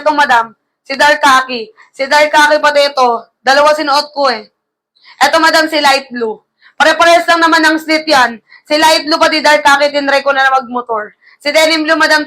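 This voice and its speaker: A woman selling clothes on a livestream, tired after shouting earlier, talking in a brisk, repetitive sales patter with a slightly gravelly sound through her mic. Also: high voice. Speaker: online live seller. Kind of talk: live-selling sales pitch. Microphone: close-up streaming mic.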